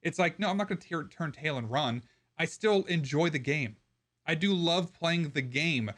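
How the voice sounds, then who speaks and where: A man who makes gaming videos, ranting to his viewers in a frustrated, rambling way with many restarts, his voice going hoarse. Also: fairly high pitch, expressive, normal speed, a bit bright. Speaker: gaming content creator. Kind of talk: opinion rant to camera.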